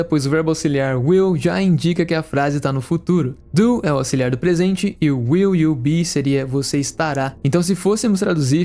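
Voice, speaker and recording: A man teaching English, who explains patiently and repeats phrases slowly and carefully. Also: a little high, mellow. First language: Portuguese. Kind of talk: explanatory language lesson. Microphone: studio microphone.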